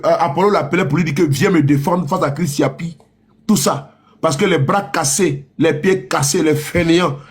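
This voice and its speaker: Mocking man ranting sarcastically. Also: a little high. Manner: mocking, repetitive, laughs at his own sarcasm. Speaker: political commentator. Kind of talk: sarcastic political rant.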